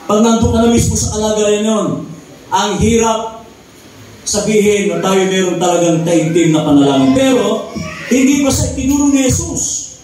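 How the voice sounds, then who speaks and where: A man's voice: sits high, moderate pace, a little mellow, a little hiss or hum. A male pastor preaching and telling a funny story, often checking in with the congregation. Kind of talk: sermon with a humorous story. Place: church sanctuary. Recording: echoey church, voice picked up from a distance.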